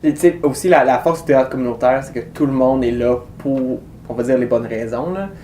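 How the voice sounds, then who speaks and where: A man's voice: medium pitch, brisk, music in the background. A man, a stage director from southwestern Ontario with a Franco-Ontarian accent, talking casually in an interview. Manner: relaxed, conversational, frequent fillers. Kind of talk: interview talk. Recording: roomy, distant mic.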